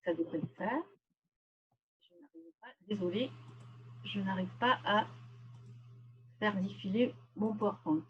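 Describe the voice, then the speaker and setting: Husky-voiced woman giving a webinar talk. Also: medium pitch, highs cut off. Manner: measured, explanatory, with frequent pauses. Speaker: webinar speaker. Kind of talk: lecture-style presentation. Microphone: video call.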